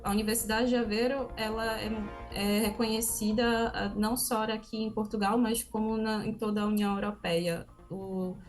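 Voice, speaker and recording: A woman student being interviewed for a news report, speaking hesitantly with pauses and restarts. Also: medium pitch, flat delivery, soft background music. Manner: hesitant, searching for words.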